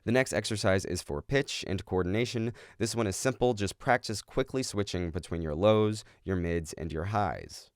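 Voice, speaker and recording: A man's voice: fairly low pitch, normal speed, few pauses, dry recording, studio quality. A man giving instructional explanations as a vocal coach. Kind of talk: instructional explanation of screaming technique.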